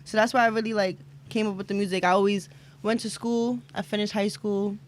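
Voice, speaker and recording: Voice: medium pitch, level tone, brisk. Young new guest, rambling, filler-heavy, faint noise behind. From Bronx, New York. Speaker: guest music artist. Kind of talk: casual podcast chat.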